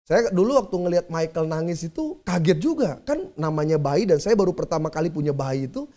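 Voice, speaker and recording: A man's voice: a little high, sing-song, brisk, mellow. A male pastor preaching a sermon in a conversational way, speaking directly to his congregation.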